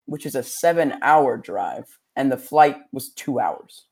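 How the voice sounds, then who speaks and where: A man's voice: medium pitch, animated, a little slow, creaky. A young man chatting casually with friends, teasing and playful as he tells stories. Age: young adult. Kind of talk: casual chat among friends.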